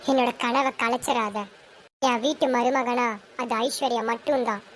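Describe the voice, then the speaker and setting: Domineering mother, woman acting, homemade serial drama, high-pitched, commanding, threatening. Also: fairly even intonation, moderate pace, a little hiss or hum, lightly acted. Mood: stern. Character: stern domineering mother, woman, forcing her son's marriage.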